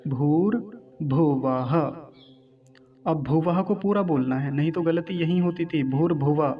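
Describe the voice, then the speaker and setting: A man's voice: a little high, dull audio. A man teaching the correct pronunciation of Sanskrit verses, drawing out each syllable and asking his class questions as he goes. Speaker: Vedic recitation teacher. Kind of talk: pronunciation lesson.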